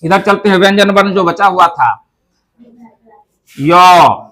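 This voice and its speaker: A man teaching a Sanskrit pronunciation lesson, explaining step by step, asking questions and answering them himself, and saying each sound slowly to demonstrate it. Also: high voice, a bit bright.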